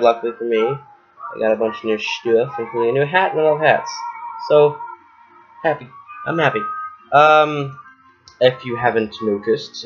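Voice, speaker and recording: A man's voice: medium pitch, dull audio. A young man giving a casual, rambling vlog update about his handmade replica guns, with lots of ums and little laughs. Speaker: maker selling wooden replica guns.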